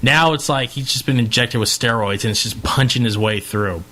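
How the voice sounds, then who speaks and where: Male podcast co-host, excitable storyteller who acts out the quotes he tells. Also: medium pitch, moderate pace. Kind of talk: casual chat.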